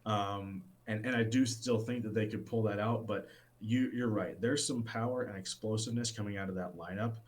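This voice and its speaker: A man co-hosting a casual sports podcast, talking with lots of fillers and restarts and getting excited about baseball. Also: on the low side, moderate pace, hardly any pauses. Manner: rambling, many fillers and restarts. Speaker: podcast co-host.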